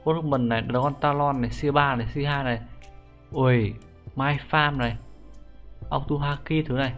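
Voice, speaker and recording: A young man guides viewers through a menu in a casual, screen-recorded game script tutorial, backed by music. The excitable gaming YouTuber speaks at normal speed in a medium-pitched voice, using informal slang and repeatedly ending sentences with particles.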